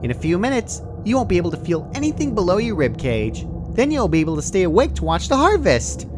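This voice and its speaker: A man's voice: high-pitched, sing-song, fast talker, background noise, voice pushed up. A man voicing a perky, sadistic female cartoon pony from a fan story, casual and chirpy while menacing. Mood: cheerfully menacing.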